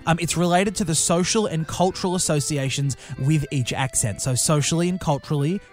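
Cheeky high-voiced male radio host. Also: brisk, darkish tone, soft background music. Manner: cheeky, jokey. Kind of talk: casual radio banter.

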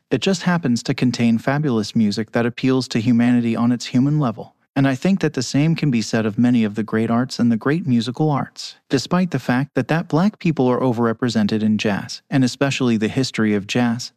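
An anonymous male conductor whose voice is electronically disguised, giving measured, articulate interview answers over a remote call. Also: mid-range voice, a little mellow, dry recording. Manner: measured, articulate, argues at length. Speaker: orchestra conductor, anonymous guest. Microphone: remote call with camera off.

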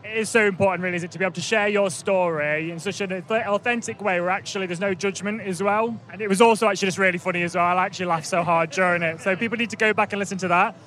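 A podcast host interviews people outdoors at a festival, upbeat vox-pop style, with enthusiastic energy and a repeated "big, big question." His voice sits high, pushed and bright, fairly even in intonation, and very fast with few pauses.

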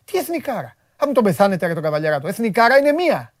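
A man hosting a sports talk show, chatting in an animated, joking way, his voice jumping high when he gets worked up. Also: no echo, clean studio sound. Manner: excitable, jokey, voice jumps high when worked up.

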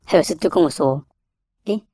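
A man with a Taiwanese Mandarin accent, a police officer telling stories in a rapid, animated way, mixing in Hokkien phrases. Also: on the high side, slightly rough, no room sound, studio quality. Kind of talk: casual storytelling.

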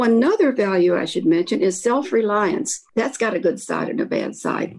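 A woman's voice: fairly low pitch, gravelly, a little mellow, breathy edge. An older woman with a slight Kentucky accent, telling anecdotes in a reflective, rambling way as an interview guest. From Kentucky, Appalachia. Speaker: interview guest, author and academic.

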